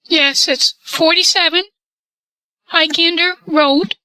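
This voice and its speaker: A man using voice changer software to sound like a calm, cooperative woman on a prank phone call. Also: very high voice, slow, heavily acted. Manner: calm and cooperative, answers briefly. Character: polite, unhurried adult woman caller. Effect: voice changer software making him sound like a woman. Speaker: prank caller.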